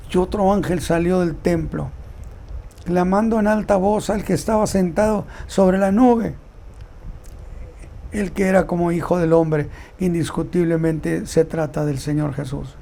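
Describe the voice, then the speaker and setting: A man giving a Bible teaching sermon, reading scripture aloud and commenting on it in a slow, deliberate way. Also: high voice, steady tone, creaky, warm tone. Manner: slow, deliberate delivery with repeated words. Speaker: preacher.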